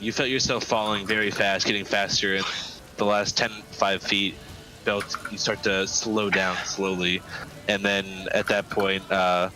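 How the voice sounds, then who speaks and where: A man's voice: fairly low pitch, poor audio. A man narrating a tabletop game as game master, mixing casual talk with scene description.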